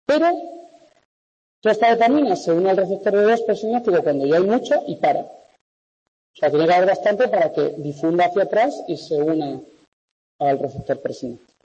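Long, echoing reverb surrounds a man from Spain with a Spanish accent as he lectures. His voice is high and somewhat mellow. He talks conversationally to his class, often checking that they understand. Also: expressive, a little fast, breathy edge. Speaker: university lecturer. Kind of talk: interactive lecture to class and remote students. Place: large echoey classroom. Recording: echoey classroom, long reverb, dull sound.

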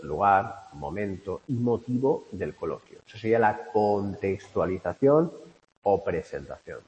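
A man lecturing about a text in a loose, chatty way, dropping asides and checking in with rhetorical questions. His voice sits on the low side. The sound is dull and lo-fi, with a long reverb tail around him. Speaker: teacher. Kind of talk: spoken lecture on a literary text.

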